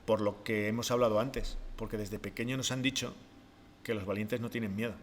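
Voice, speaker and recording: A man, explaining ideas step by step on a podcast in a calm, reflective way, often posing rhetorical questions. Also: lowish voice, a little fast, long reverb tail, a little hiss or hum. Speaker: podcast co-host, behavior expert.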